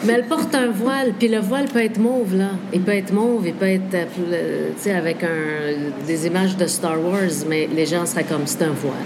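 A Quebec French woman speaks in a low voice, thinking aloud with lots of fillers. She is recorded in a café, and heavy background noise sits under her voice. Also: normal speed, few pauses. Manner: thoughtful, lively, frequent fillers. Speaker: interview guest. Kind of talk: casual conversation.

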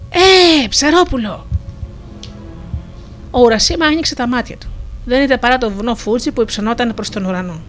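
A woman storyteller reading a fairy tale in a calm, measured way. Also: fairly high pitch. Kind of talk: storybook narration.

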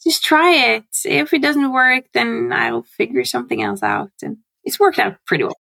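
Guest: woman, lively and laugh-prone, slight vocal fry, dry close sound. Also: high-pitched, dry recording. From Norway. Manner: animated, laughs often, quick bursts. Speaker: guest, CRM consultant. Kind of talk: casual interview chat. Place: home.

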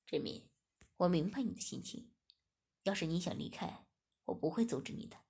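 A woman reading a story voices a young man, lowering her voice to speak gently and reassuringly. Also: animated, moderate pace, creaky, breathy edge, heavily acted. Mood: gentle. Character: young man, calm and soothing.

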